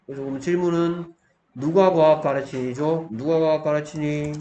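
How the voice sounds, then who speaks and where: In an echoey room with faint background noise, a man teaches English grammar in a warm, steady, highish voice at a moderate pace. He often pauses to make sure students are following, and he poses questions only to answer them himself.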